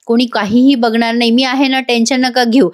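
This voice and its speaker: A woman's voice: a little high, level tone, a little fast, close to an everyday voice. Domineering scheming man, commanding and dismissive, read by a woman.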